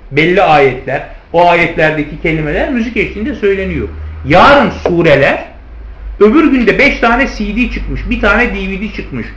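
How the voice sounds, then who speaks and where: A man whose voice sits high and sounds a bit bright teaches theology through hadith commentary. He keeps asking rhetorical questions, supplies the answers himself, and speaks to his listeners as friends. The lecture was captured in a roomy, slightly dull recording.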